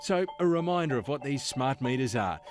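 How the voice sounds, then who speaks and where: A man's voice: mid-range voice, expressive, fairly quick. A man with an Australian accent reading a scripted television news report. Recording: music bed under the voice.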